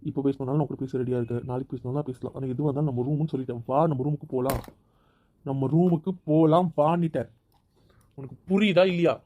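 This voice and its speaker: A man's voice: medium pitch, little pitch movement, racing, few pauses, dark tone, muffled recording, lightly acted. A man playing a possessive, hot-tempered young husband. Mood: insistent. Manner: insistent, stubborn, repeats his demands. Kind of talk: amateur audio drama.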